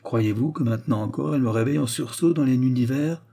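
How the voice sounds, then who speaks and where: A man voicing a proud, talkative forest warden, bright and eager in the reading of a novel. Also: mid-range voice, fast, creaky. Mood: chatty.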